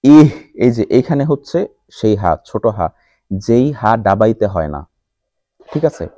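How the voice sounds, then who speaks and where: A man teaching Quran recitation, chanting verses slowly and repeating letters to correct pronunciation. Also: fairly low pitch, sing-song, dark tone, no echo, highs cut off. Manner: slow drawn-out recitation between brisk explanations.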